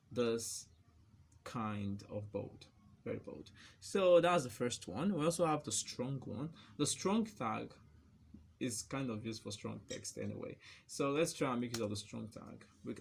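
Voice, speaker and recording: A man's voice: medium pitch, creaky, a little hiss or hum. A man giving a casual, chatty coding lesson, joking and laughing at himself as he types and explains. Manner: chatty and playful, laughs at his own jokes. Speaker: coding tutor.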